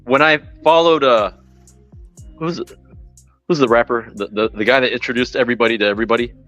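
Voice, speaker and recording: A man's voice: mid-range voice, fairly quick, a bit bright, no room sound, soft background music. A man on a video call telling stories in a casual live-stream chat, enthusiastic and swearing casually. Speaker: guest.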